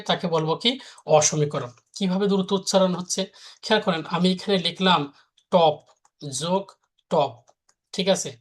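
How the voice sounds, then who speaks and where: A man teaching a live grammar lesson, repeating each rule and answering his own questions. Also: sits high.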